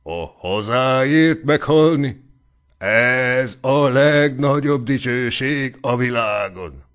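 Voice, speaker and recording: A man voicing a pompous, excitable old country squire who declaims his speeches. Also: mid-range voice, lightly acted. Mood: solemn. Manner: declaiming, exclamatory.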